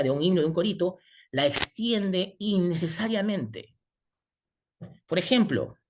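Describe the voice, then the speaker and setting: A man preaching a sermon, asking the congregation rhetorical questions as he teaches. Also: high voice.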